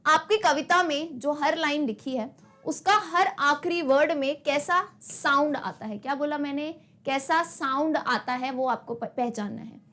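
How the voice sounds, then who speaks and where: A young woman teacher with a high voice walks a class through a lesson. She mixes Hindi with English words and keeps asking the students questions, then answers them herself in their voice. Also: measured pace, fairly bright tone, soft background music.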